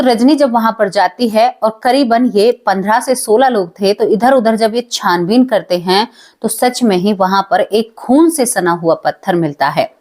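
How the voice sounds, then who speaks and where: A woman's voice: mid-range voice, darkish tone. A woman narrating a dramatic supernatural story with emotion, often addressing her listeners as friends.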